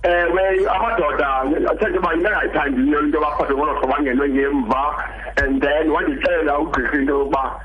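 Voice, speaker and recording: A man's voice: on the high side, fairly even intonation, fast talker, hardly any pauses, narrow, tinny audio. A man in his sixties with a South African Xhosa accent, telling his story conversationally as an interview guest and often checking that his listener follows. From Eastern Cape, South Africa. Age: 60s. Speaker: interview guest, cancer survivor.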